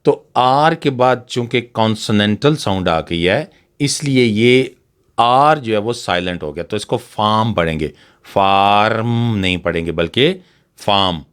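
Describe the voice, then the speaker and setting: A man explains pronunciation rules slowly and carefully, pausing on each example word. His voice sits a little low and sounds smooth and resonant. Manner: patient, repeats example words one by one. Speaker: English teacher. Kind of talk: slow explanatory lesson.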